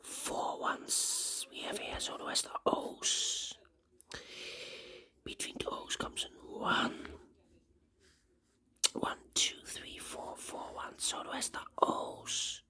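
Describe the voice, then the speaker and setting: This voiceless puzzle instructor talks through a solution in a hoarse whisper, counting cells out loud and echoing rule phrases again and again. The pace is slow with frequent pauses, and the tone sounds pushed and bright.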